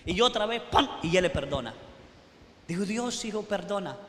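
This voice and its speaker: Male priest, sermon storyteller, high voice, echoey hall with a long tail. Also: lively intonation, normal speed, fairly bright tone. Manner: storytelling, keeps checking in with the audience. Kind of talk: sermon at a retreat. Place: large hall at a retreat. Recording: echoey hall, faint noise.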